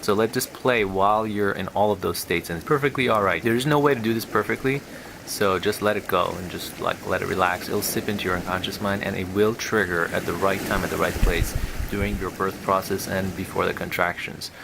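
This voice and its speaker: A man's voice: deep voice, steady tone, a little fast, creaky, noisy background. A man speaking as a hypnotherapist on a guided relaxation recording, with a soothing, hypnotic delivery. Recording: music and rain sounds behind the voice. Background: relaxation music with rain.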